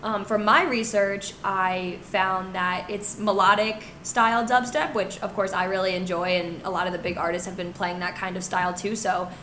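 A young woman with a hoarse, raspy smoker-like voice that is nearly gone, chatting casually and enthusiastically as a podcast co-host. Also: mid-range voice, steady tone, normal speed, few pauses, sharp tone. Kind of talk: casual chat. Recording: roomy echo with background noise.

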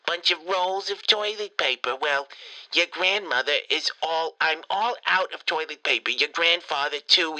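A man voicing a nagging, crude old grandmother leaving a voicemail for her grandson, shrill and repeating his name over and over. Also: bright, forceful tone, dry recording, low-quality recording. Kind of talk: comedy prank voicemail.

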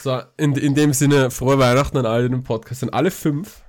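A man's voice: medium pitch, fairly even intonation, a little fast, a little hiss or hum. A young man hosting a casual podcast with friends, often laughing and tripping over his words. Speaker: podcast host. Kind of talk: casual chat among friends.

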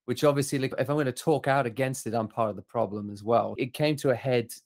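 The speaker is a middle-aged Southern African man, a photographer guest in a reflective interview, talking thoughtfully and candidly while questioning himself. He has a mid-range, slightly mellow voice and talks fast.

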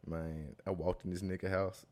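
Deep-voiced young man telling stories loosely. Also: little pitch movement, normal speed, mellow. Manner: slangy, loose, laughs through his stories. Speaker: guest. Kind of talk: casual storytelling chat.

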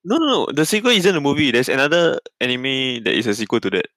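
A man's voice: medium pitch, sing-song, quick pace, sharp tone, dry recording. Man challenging his friends in casual chat. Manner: questioning, challenging. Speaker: podcast co-host.

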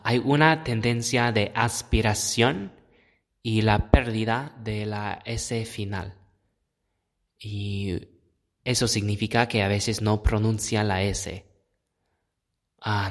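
Slow, low-voiced man hosting a podcast. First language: English. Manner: hesitant, many filler "ah"s, self-deprecating. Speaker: podcast host. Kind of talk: casual educational monologue.

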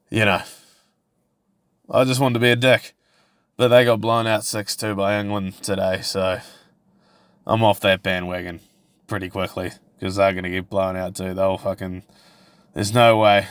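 A man's voice: lowish voice, a bit bright, clear, resonant tone, no echo. A man hosting a solo podcast, ranting casually in a brash, sweary, tongue-in-cheek frat-bro manner. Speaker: podcast host.

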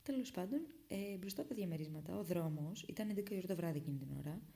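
A young woman from Greece tells a personal story to her viewers in a low, rough-edged voice with a dark, mellow tone. She retells it dramatically, sinking to hushed whispers and then breaking into loud bursts. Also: lively intonation. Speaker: vlogger telling a personal story. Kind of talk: casual storytelling.

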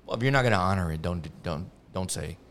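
A man's voice: deep voice, animated, fast talker, a bit bright. A man who runs a refinishing business, chatting on a podcast with short, blunt remarks. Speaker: bathtub refinishing business owner. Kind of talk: casual podcast chat.

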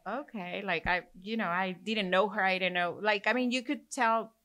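A middle-aged Mexican woman with a Mexican Spanish accent hosts a podcast, chatting casually and rambling through stories with lots of fillers. Her voice is medium-pitched at normal speed, with a bright, forceful tone.

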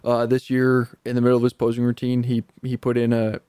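Mellow-voiced laid-back male podcast host. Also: medium pitch, completely flat delivery, a little fast, clear, resonant tone, no echo, studio quality. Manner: easygoing, talkative, laughs between points. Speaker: podcast co-host and hypertrophy coach. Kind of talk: casual chat.

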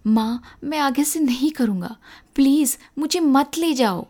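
A woman's voice: a little high, slow pace. A woman voicing a cheerful, innocent little boy in a children's story. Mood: pleading.

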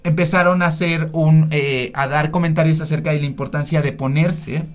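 Joking Mexican man, fairly high voice. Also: fairly even intonation, normal speed. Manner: sarcastic, joking storyteller. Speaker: doctor and social media health creator. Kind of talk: panel talk, personal storytelling.

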